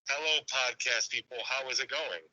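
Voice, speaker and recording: A man's voice: medium pitch, moderate pace, sharp tone. A man who has phoned in, heard through a phone held on speaker, briefly greeting the podcast listeners in a casual way. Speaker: friend phoning in. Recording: distant, dull phone speaker.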